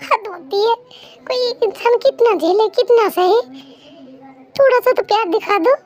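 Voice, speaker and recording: A woman voicing a talkative, dramatic young wife who argues fast and indignantly in a fan-made dub. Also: very high-pitched. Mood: hurt. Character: chatty, dramatic young wife, quick to tears. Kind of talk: fan Hindi dub role-play.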